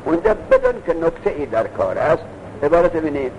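A man gives a classroom lecture, his pitch swinging widely as he asks questions and reads texts aloud. His voice is gravelly. The recording is dull and lo-fi, with faint noise underneath. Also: wildly swooping pitch. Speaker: teacher. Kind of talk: classroom lecture on Arabic grammar.

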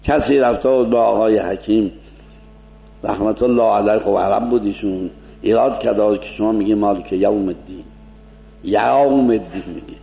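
Cleric guy lecturing, gravelly dark voice, echoey room. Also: on the low side. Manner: explanatory, demonstrates Arabic pronunciation slowly. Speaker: cleric teaching jurisprudence. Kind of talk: seminary lecture.

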